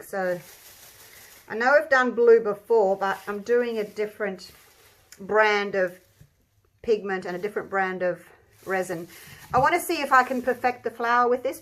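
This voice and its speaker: An Australian woman giving a casual, chatty craft demonstration, thinking aloud, her voice slightly muffled by a mask over her mouth. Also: on the high side. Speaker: craft tutorial host. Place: indoor craft table.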